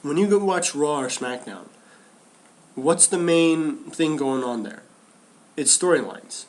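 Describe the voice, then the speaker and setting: A podcast co-host with a fairly high voice and lively intonation talks about wrestling in a casual, animated way. He speaks unhurriedly, often restarting and repeating phrases.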